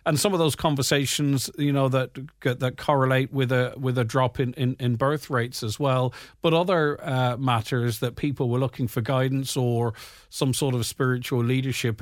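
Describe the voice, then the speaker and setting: A man's voice: mid-range voice, dry recording, studio quality. A man hosting a current affairs radio interview, talking in a discursive, self-correcting way.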